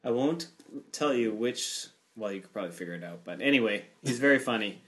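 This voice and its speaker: A man hosting a podcast, chatting casually with quick asides. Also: lowish voice, animated, a bit bright. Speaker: podcast host. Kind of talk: casual chat.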